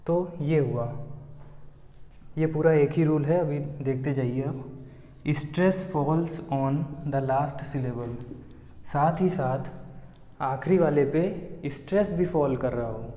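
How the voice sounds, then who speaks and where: Slow and patient, a man with a fairly high, warm voice explains an English grammar lesson by posing questions and answering them himself. He's recorded in an echoey room with long reverb.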